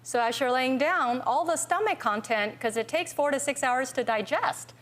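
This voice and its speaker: A woman's voice: high voice, normal speed, fairly bright tone. A middle-aged woman, a children's ear, nose and throat doctor, earnestly explaining and demonstrating as a guest in a TV studio. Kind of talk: explaining on a talk show.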